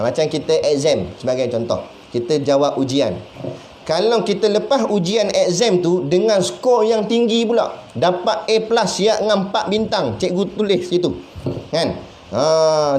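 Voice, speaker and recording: A man with a Malaysian Malay accent giving a sermon as a religious teacher. He talks in a lively, conversational way, asking questions and acting out little voices. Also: high-pitched. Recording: echoey room with faint background noise.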